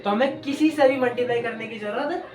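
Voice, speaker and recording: A woman's voice: a little high, brisk. A woman chemistry teacher giving an exam-prep lecture, asking questions and answering them herself while repeating key terms. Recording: echoey room, distant mic, background music.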